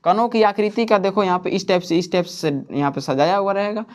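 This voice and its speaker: A man lectures in a coaching class, constantly asking his students questions and then supplying the answers. He speaks in a high-pitched voice, a little on the fast side.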